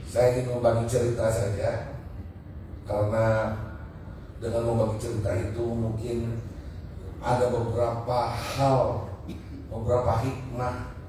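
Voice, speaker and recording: A middle-aged man from Indonesia tells stories in a relaxed, chatty way, joking with his listeners. His voice sits at an ordinary middle pitch. He is heard from a distance in a very reverberant mosque hall with a faint hiss behind him. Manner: chatty, jokes with the audience, drops into local dialects. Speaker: guest speaker at a mosque gathering. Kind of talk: casual storytelling talk. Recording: very echoey hall, from far off.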